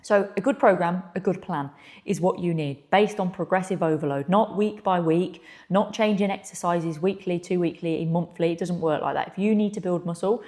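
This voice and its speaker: A woman with a slightly low voice speaks straight to the listener like a coach. She is blunt and emphatic, putting pointed rhetorical questions as she instructs. The room around her is echoey. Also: moderate pace, warm tone. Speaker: physiotherapist and clinical mentor presenting. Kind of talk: direct-to-camera instructional talk. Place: echoey indoor space.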